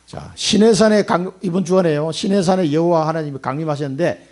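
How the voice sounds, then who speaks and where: A pastor giving a sermon, preaching emphatically with sudden rises and drops in pitch and loudness, in a church sanctuary. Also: male voice, fairly quick.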